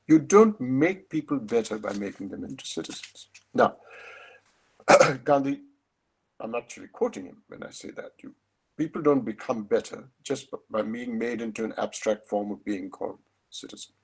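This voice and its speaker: A man's voice: medium pitch, expressive, normal speed, vocal fry, slightly rough. An older man giving an academic lecture over a video call, thoughtful and emphatic, often restarting his phrases.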